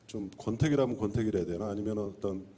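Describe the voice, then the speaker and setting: A man's voice: fairly low pitch, fast, warm tone, husky. A man in his fifties hesitantly telling his personal problem as a questioner. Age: 50s. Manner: hesitant, searching for words.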